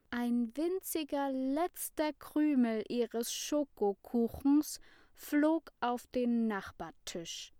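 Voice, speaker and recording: A woman reading a children's story aloud in a slow, careful storybook manner. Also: a little high, dark tone, dry recording, clean studio sound.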